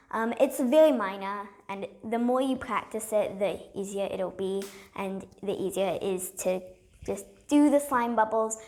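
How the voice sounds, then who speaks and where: A bubbly, chatty woman hosting a casual slime vlog at a table at home, with frequent ums. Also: medium pitch. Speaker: slime video host. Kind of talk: casual show-and-tell vlog.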